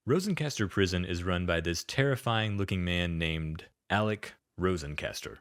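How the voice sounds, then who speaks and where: A man's voice: low-pitched, expressive, moderate pace, fairly bright tone, dry recording. A man narrating a scripted video-game retrospective, with dry, sardonic asides.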